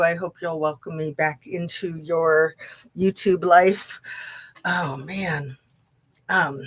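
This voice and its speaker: A woman's voice: mid-range voice, a bit bright. A woman hosting a casual live true crime stream, chatting to viewers in a rambling way, her diction slightly impeded by braces and wax in her mouth.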